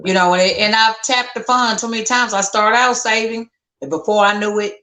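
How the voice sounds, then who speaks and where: A woman in her fifties, co-hosting a podcast in casual, folksy, self-deprecating chat with drawn-out phrasing. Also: a little high, fairly even intonation, bright, forceful tone. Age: 50s. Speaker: podcast co-host. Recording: roomy echo.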